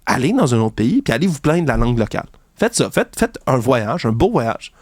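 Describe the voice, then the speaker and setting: A host with a Québécois French accent delivers heated commentary on a news story, brisk and very animated with a darkish tone. He rants with indignation and sarcasm, imitating opponents in high voices. It's a dry, studio-quality recording.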